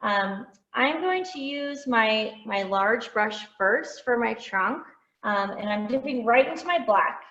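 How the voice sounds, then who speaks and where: A woman's voice: on the high side, lively intonation, slow pace, fairly bright tone. A woman teaching a step-by-step painting lesson over a video call, chatty, with lots of "um" fillers and light self-teasing. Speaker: painting instructor. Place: art studio. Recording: roomy lo-fi video call audio.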